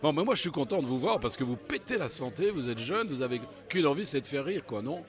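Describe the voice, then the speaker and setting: A man's voice: a little high, very animated, quick pace. A man hosting a casual interview, playful and talkative. He fills gaps with "euh" and cracks puns as he goes, in an easygoing, friendly-sounding way. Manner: jokey, chatty, full of fillers and puns.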